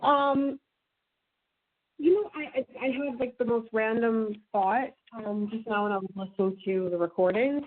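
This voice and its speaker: A woman conducting a casual phone interview, rambling through halting questions on a narrow phone line. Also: fairly high pitch.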